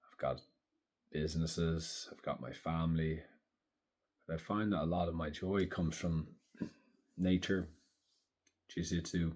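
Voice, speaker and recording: A man in his thirties speaking slowly and thoughtfully in a reflective personal monologue. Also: a bass voice, fairly even intonation, breathy edge. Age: 30s. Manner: slow, thoughtful, soft-spoken. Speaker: vlogger.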